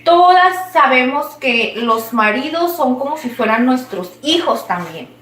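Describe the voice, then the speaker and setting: A woman's voice: high voice, lively intonation, a little slow, fairly bright tone, echoey room. A woman with a Mexican accent chatting casually and rambling while she cooks, often laughing. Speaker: cooking vlogger. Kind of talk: casual chat while cooking.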